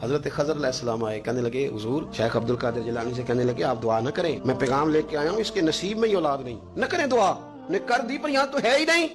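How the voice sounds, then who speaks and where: A man preaching a sermon, telling a saint's story and swinging between soft low asides and loud scolding. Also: expressive, fast talker. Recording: music playing under the speech.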